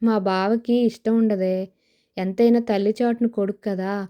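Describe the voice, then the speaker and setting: A woman's voice: medium pitch, fairly even intonation, measured pace, dull audio, natural voice. A woman voicing a wistful young village woman who dreams of film stardom, in an audio novel. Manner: wistful, sighing.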